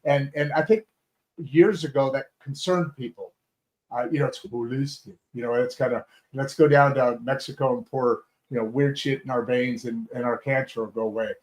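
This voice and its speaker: Hosting a talk show from a home studio over a video call setup, a man casually rambles through his guest's intro with many fillers and restarts. His mid-range voice is steady and moderately paced, and the recording is rough.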